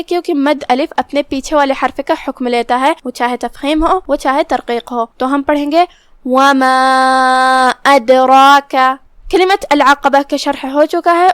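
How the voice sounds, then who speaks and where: A woman teaching Quran recitation rules in a patient, methodical way, slowly reciting verses and explaining each letter. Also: sits high, no echo, clean studio sound. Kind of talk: tajweed lesson with slow recitation.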